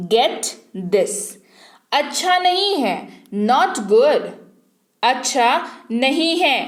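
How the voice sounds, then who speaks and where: A woman teaching an online English speaking class, reading each phrase slowly and repeating it twice for learners to copy. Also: high voice, reverberant. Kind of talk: spoken English lesson.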